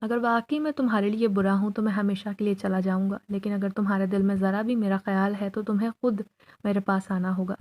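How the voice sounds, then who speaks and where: A woman's voice: medium pitch, fairly even intonation, a little mellow, close to an everyday voice. A woman voicing a young male jinn who pleads his love in a spoken horror story. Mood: earnest.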